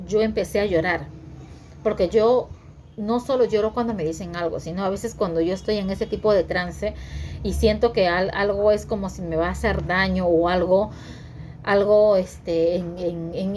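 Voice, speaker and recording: A woman telling a personal story to her viewers in a halting way, repeating words and using many fillers. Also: medium pitch, a little mellow, a little hiss or hum. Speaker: vlogger sharing her story.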